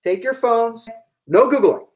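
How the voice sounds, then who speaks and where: A woman's voice: a little high, animated, unhurried, low-quality recording. A woman giving a live-streamed history lecture to online students, thinking aloud with fillers and asides.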